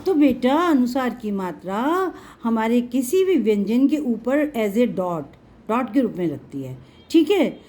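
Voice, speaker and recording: A high-pitched woman gives a patient Hindi lesson to children. She stretches out her words as she explains each letter and warmly calls her pupils "beta". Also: very animated. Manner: patient, drawn-out explaining, addresses students as beta. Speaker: Hindi teacher.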